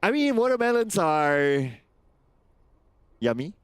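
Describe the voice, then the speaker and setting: A man's voice: a little high, big pitch swings, slow pace, clean tone, dry recording, studio quality. A man co-casting an esports event, teasing his partner in casual banter. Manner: teasing, playful quizzing. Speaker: esports caster.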